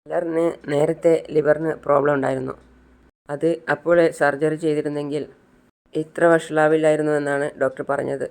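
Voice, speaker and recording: A man's voice: a little high, flat delivery, moderate pace, creaky, a little mellow. A man voicing an earnest male guardian anxious about a sick child. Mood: somber.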